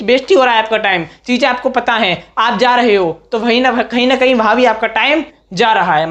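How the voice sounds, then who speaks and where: An extremely high-pitched, fairly bright-toned young man stands at a whiteboard teaching students study tips. He coaches them directly, often pausing to check in with "okay" or "theek hai."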